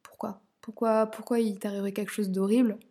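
A woman's voice: medium pitch, little pitch movement, a little fast, dark tone. A woman who is a guest on a podcast, an art director, speaking upbeat and slightly hesitant, laughing often. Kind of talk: casual podcast interview.

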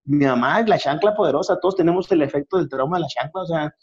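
A middle-aged Mexican man hosts a show, telling funny stories in casual chat and restarting his sentences often. He speaks fast in a slightly high voice with a Mexican Spanish accent, and the recording is muffled.

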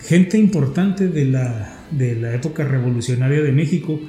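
A man's voice: mid-range voice, normal speed, warm tone. A man with a northern Mexican border Spanish accent chatting casually, telling things in an enthusiastic, digressive way and often repeating phrases. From US-Mexico border region of El Paso and Ciudad Juárez. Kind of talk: casual conversational talk on local history. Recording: roomy echo, faint music.

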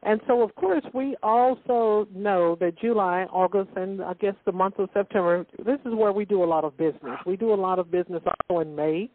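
A woman's voice: mid-range voice, fairly quick, few pauses, no room sound. A woman hosting a business podcast, repeating herself and leaning on fillers as she introduces and questions her guest. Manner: repetitive, filler-heavy interviewing. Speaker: podcast host. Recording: dry tinny phone-quality audio.

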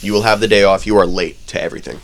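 A man's voice: on the low side, fairly even intonation, very fast, creaky. Brief: man from New Jersey, podcast co-host, swears freely, tells stories and acts out the quotes. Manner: profane, storytelling with acted-out quotes. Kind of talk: casual chat.

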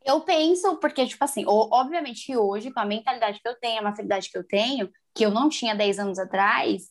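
A woman in her twenties from Brazil talks candidly in a relaxed conversation. Her voice sits a little high. She is animated and slips into quoted dialogue with lively shifts of tone. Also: a little fast. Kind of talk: casual chat.

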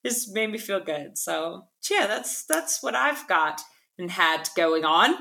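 A woman co-hosting a podcast, animated and playful, swearing for emphasis. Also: on the low side, takes it slowly, gravelly. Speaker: podcast co-host. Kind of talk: casual chat.

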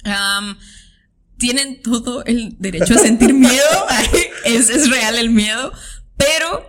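Young woman from Tijuana, northern Mexican accent, interview guest; animated storyteller who acts out voices and laughs a lot. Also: on the high side, slow pace, a loud crowd. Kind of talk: casual interview chat.

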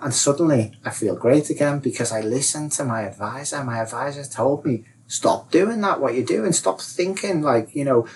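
A man guest in a casual chat, explaining ideas with lots of fillers and acting out inner voices in raised tones. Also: medium pitch. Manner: animated, acts out inner voices, many "like, you know" fillers. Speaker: guest, self-realisation coach. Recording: distant mic with faint room noise.

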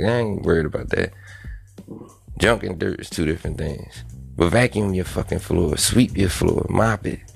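A man's voice: low-pitched, vocal fry. A man ranting bluntly and profanely in a casual monologue.

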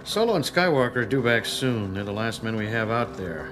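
An actor in a radio drama playing a businesslike, cautious military general with a matter-of-fact, authoritative manner. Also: male voice, medium pitch, big pitch swings, brisk, lightly acted. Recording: clear ambient noise behind.

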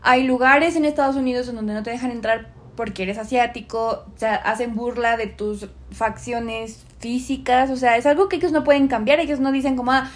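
Mujer mexicana de voz algo aguda, charlando. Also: female voice, on the high side, fairly quick, hardly any pauses. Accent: Mexican Spanish. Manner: rambling, many fillers, animated. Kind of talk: casual chat.

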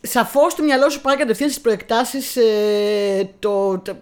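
A speaker in casual chat, interjecting often and sharing impressions of a film. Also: mid-range voice.

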